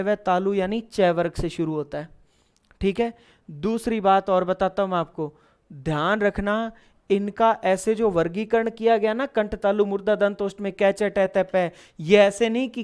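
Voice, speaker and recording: A male teacher with a smooth, clear voice leads an online class. He poses questions and answers them himself, then chants syllables one after another in an even rhythm. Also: high-pitched. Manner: explains step by step, asking and then answering his own questions. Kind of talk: online lesson.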